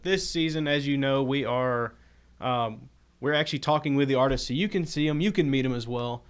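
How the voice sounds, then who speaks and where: An adult man with a mid-pitched voice co-hosts a giveaway show. He talks in loose, casual banter with a playful, teasing streak. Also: brisk, clear, resonant tone, dry recording. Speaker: show co-host.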